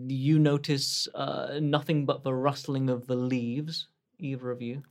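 A man's voice: mid-range voice, level tone, unhurried. A man narrating as game master of a tabletop game, hesitant and full of fillers. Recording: narration over clear music.

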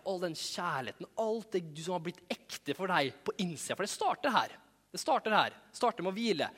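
Male preacher, high voice, lively storyteller, long hall reverb. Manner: lively, storytelling, reads scripture aloud and acts out scenes. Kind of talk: sermon.

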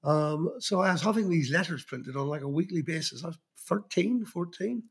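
A Belfast man in his fifties, a magazine journalist appearing as a guest, reflects on how he started in music journalism, rambling through anecdotes with many restarts. His Northern Irish voice is on the high side and breathy-edged, with lively intonation at a normal speed.

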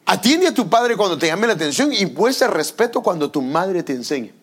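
An older man preaching a sermon as pastor, animated and acting out parents and children in little scenes. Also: sits high, moderate pace.

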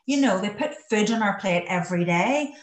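A woman's voice: medium pitch, animated, moderate pace. A woman with a west of Ireland, Donegal accent, chatting plainly and with some self-deprecation as an interview guest. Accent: Donegal Irish, west of Ireland. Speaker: podcast guest, farm safety charity worker. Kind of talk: casual interview talk. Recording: roomy echo, distant from the mic.

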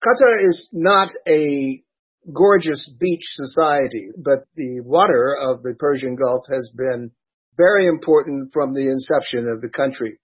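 An older man, a former ambassador, explaining in a measured way in a recorded interview clip. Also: mid-range voice, slightly rough. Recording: slightly dull, lo-fi sound.

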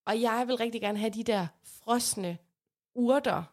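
A woman chatting casually and telling an everyday anecdote with lively energy. She laughs often between lines, and her voice sits a bit high. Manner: animated storyteller, laughs often. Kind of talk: casual storytelling chat.

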